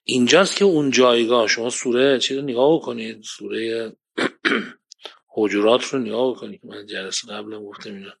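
A man gives a religious lecture in a voice of middle pitch. He keeps it lively, pushing up to emphatic points and then falling quiet, and he quotes Arabic verses along the way. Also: vocal fry. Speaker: preacher.

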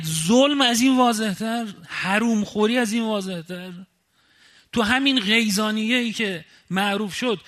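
A man's voice: high voice, fairly bright tone. A man from Khuzestan in Iran preaching a fiery, indignant sermon full of rhetorical questions. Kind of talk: impassioned sermon.

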